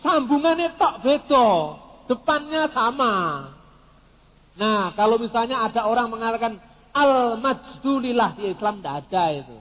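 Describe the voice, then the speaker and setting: A middle-aged man gives an animated, joking talk on theology, dropping in words. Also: very high voice, normal speed. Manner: animated, jokey, mixes in Javanese words. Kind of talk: lively teaching talk with humor. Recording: dull sound in a long-echoing hall.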